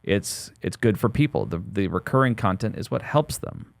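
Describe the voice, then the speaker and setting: A man's voice: lowish voice, lively intonation, moderate pace, vocal fry, no room sound. A man in his forties co-hosting a podcast in casual chat, rambling and joking with frequent restarts. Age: 40s. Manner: rambling, jokey, restarts often. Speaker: podcast co-host.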